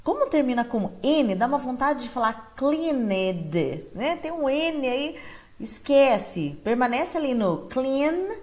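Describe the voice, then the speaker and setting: A woman from Brazil teaching a live online English pronunciation lesson, animated and constantly checking in with her viewers, slowing down to say English words carefully. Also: a little high.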